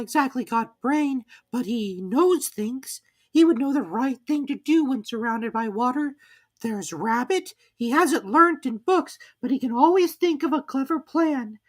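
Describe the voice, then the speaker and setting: A woman voicing a very small, timid male piglet in a storybook, with a squeaky, fretful, childlike manner. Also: a bit bright, full character voice.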